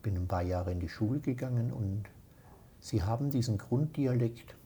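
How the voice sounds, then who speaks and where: A man in his sixties with an Austrian accent, a guest in a casual interview who explains things at length in a relaxed, matter-of-fact way. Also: mid-range voice, moderate pace, slight background noise. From Austria, near Vienna. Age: 60s.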